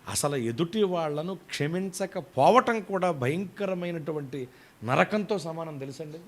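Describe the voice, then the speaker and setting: A middle-aged male pastor delivers an animated sermon, his fairly high voice rising loud on key points and dropping to soft, quiet asides. He preaches with a storytelling warmth of pace and emphatic repetition.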